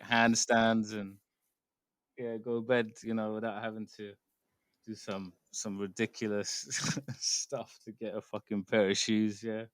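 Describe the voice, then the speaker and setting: A man's voice: lowish voice, level tone, measured pace, fairly bright tone, dry recording. A man co-hosting a casual podcast, from the UK, talking in a rambling, hedging way full of fillers. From United Kingdom. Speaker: podcast co-host. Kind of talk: casual chat.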